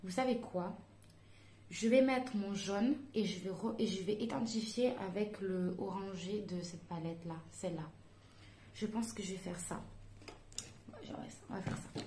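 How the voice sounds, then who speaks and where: A woman's voice: mid-range voice, moderate pace, warm tone, a little hiss or hum. A woman chatting casually through a makeup tutorial, hesitant and full of fillers as she talks to her viewers. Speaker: beauty vlogger. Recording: echoey room.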